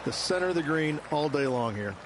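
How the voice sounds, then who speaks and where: A man acting as a male golf commentator with a somewhat high voice gives course analysis in a video game. He is plain-spoken, folksy and matter-of-fact, with clear outdoor noise behind him. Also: expressive, brisk, lightly acted.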